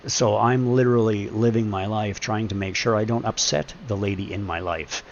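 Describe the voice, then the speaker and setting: A man in his forties with a deep voice, musing earnestly and at length in a casual live-stream monologue. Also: fairly even intonation, moderate pace, muffled recording, a little hiss or hum. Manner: earnest, rambling, philosophizing.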